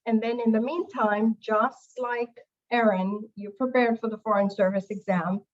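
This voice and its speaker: A woman's voice: fairly high pitch, steady tone, measured pace, lo-fi sound. A woman from Pakistan, an executive director speaking on a panel in an earnest manner, often restarting her phrases. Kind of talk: panel discussion.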